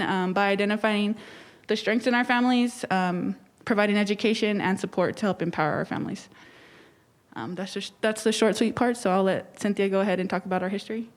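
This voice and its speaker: A woman team member giving an informal presentation to a group. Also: medium pitch.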